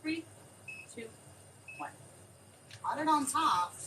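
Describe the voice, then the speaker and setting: A woman demonstrating a craft on a live stream, chatting excitably and thinking aloud as she works. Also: high-pitched, takes it slowly. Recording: distant mic with clear background noise.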